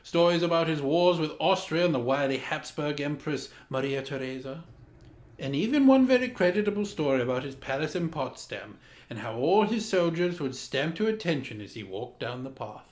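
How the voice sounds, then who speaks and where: A man hosting story time reads a children's story in a pompous, grandly formal and theatrical manner with dramatic emphasis. His voice is on the high side with a darkish tone, and the room sounds roomy and echoing.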